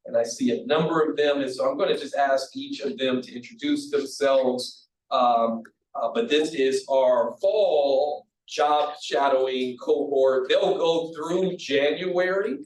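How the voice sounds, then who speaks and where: A man's voice: medium pitch, a little slow. Guy running a council meeting, easygoing, far from the mic, roomy with faint hiss. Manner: relaxed, joking asides. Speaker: meeting chair. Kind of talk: formal meeting chairing.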